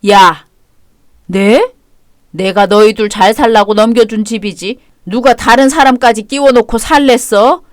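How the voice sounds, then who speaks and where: An actor voicing an older father-in-law who is blunt and domineering, talking in a gruff, commanding way. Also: mid-range voice, steady tone, normal speed, dry recording, clean studio sound, lightly acted. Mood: scolding.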